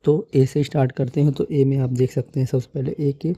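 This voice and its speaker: A man's voice: medium pitch, little pitch movement, fairly quick, mellow, slightly rough, no room sound. A man teaching English letter sounds in Hindi, patient and repeating each sound several times. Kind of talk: slow, explanatory Hindi lesson.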